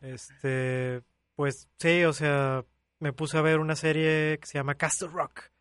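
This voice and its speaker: Man, Mexican accent, young adult, storytelling, laughs often, slightly high voice, dry sound. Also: little pitch movement, slow pace, fairly bright tone, clean tone, no echo. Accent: Mexican Spanish. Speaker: podcast co-host. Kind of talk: casual chat among friends.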